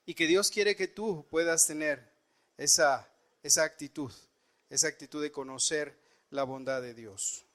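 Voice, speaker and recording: A man's voice: fairly high pitch, measured pace, fairly bright tone. A man preaching a sermon, telling a personal story earnestly and rising and dropping his voice for emphasis. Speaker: pastor.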